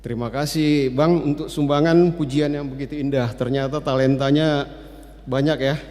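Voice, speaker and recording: A man's voice: a little high, normal speed. Older man giving announcements in an echoing hall. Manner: relaxed, chatty, many hesitant fillers. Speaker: church service announcer. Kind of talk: church announcements. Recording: long reverb of a church hall.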